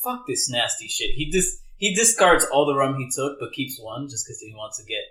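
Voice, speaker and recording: Guy playing a tabletop game, bright voice, echoey room, casual. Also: medium pitch, lively intonation, brisk, slight background noise. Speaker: player. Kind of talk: narrating a player's moves in a tabletop game.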